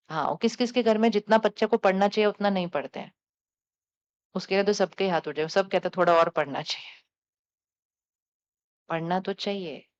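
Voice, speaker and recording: A woman spiritual teacher talks calmly to a live audience, coaxing the listeners with questions and repeated affirmations. Her voice is smooth and clear at a middle pitch. The recording sounds a little dull and lo-fi.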